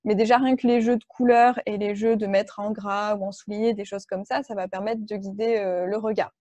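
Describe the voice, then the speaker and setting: French woman teaching a workshop, soft mellow voice, lots of euh and restarts, dry close sound. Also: medium pitch, fairly even intonation, a little fast, no room sound. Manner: explanatory, many fillers and restarts. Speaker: workshop trainer. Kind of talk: online workshop presentation.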